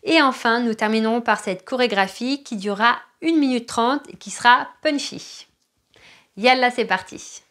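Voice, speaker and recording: Woman, French accent, dance teacher, slightly high voice, calls moves and counts beats. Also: moderate pace, fairly bright tone. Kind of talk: online dance class instruction.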